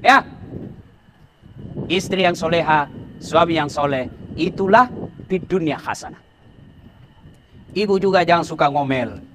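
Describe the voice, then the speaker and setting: A middle-aged man preaches in a voice that sits high for a man. He teases his listeners in a humorous sermon, then drops to hushed warnings before climbing back to loud calls. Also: a little slow, pauses often, slight background noise. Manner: animated, teasing, swings from shouting to hushed warnings. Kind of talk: humorous sermon to police officers.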